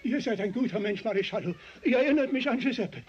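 This is a ragged, hungry vagrant for a film, begging humbly in a strikingly high, thin voice. His pitch jumps around, and the take is dull, with a faint hiss behind it. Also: expressive, fast. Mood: pleading. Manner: high, pleading, wheedling. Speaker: poor vagrant selling a shirt.

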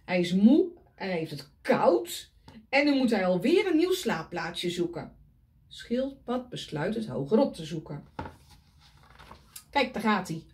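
A woman's voice: medium pitch, sing-song, a little slow, darkish tone. A woman reading a picture book aloud to children, pointing at the pictures and asking them questions.

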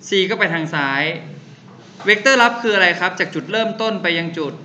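A young man teaching a physics lesson who keeps asking his students quick rhetorical questions and answering them himself. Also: sits high, expressive, sharp tone. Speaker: physics tutor. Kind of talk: classroom lecture. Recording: faint background noise.

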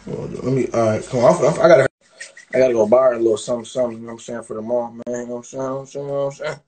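Racing along in a steady, mid-range voice with a slightly mellow quality, a young adult livestreams casually from a cramped bathroom. He talks into a phone held at arm's length, relaxed and slangy, leaning on the same fillers again and again.

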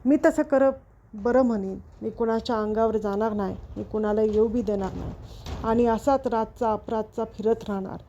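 A woman's voice: fairly high pitch, moderate pace, warm tone, highs cut off, slight background noise, natural voice. A woman reading a novel aloud, voicing a bold, defiant young village man who speaks in a plain rural dialect.

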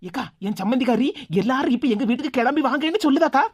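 A woman with a Tirunelveli Tamil accent voicing a sharp-tongued young daughter-in-law who answers with quick, sarcastic retorts. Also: sits high, a little hiss or hum, natural voice. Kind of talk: cartoon voice acting.

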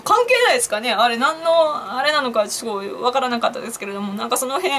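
A woman's voice: fairly high pitch, expressive, fast talker, sharp tone, a little hiss or hum. A young woman vlogger chatting on her own to viewers, laughing at her own jokes and asking them questions. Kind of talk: casual solo commentary to camera.

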